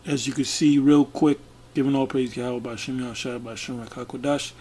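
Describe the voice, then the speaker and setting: A man giving casual commentary as he reads out a news web page, speaking haltingly with many fillers and restarts. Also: mid-range voice, flat delivery, dark tone, breathy edge. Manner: halting, many fillers and restarts, talks through what is on screen. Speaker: religious video commentator.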